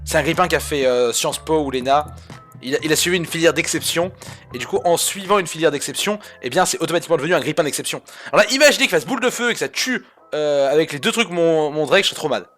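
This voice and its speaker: A sarcastic man streaming a card game, mocking his chat and swearing as he plays. His somewhat high voice swings widely in pitch, leaping into loud outbursts and sinking into low mutters, with faint music under him. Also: animated, fast talker. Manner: sarcastic, swearing, talks straight to viewers. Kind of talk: live-stream game commentary.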